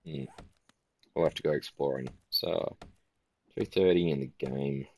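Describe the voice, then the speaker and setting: A tired man giving casual gameplay commentary in a flat, musing way. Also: very deep voice, measured pace, a little hiss or hum. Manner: self-described monotone, relaxed and musing.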